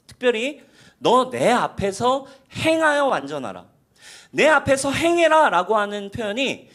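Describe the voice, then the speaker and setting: A male pastor giving a sermon in an animated way, often asking the congregation questions. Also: sits high.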